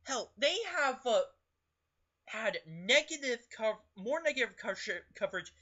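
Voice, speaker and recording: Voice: medium pitch, sharp tone, lo-fi sound. A young adult political vlogger who reads passages from a book aloud and comments on them in an opinionated, emphatic way, often stumbling over words.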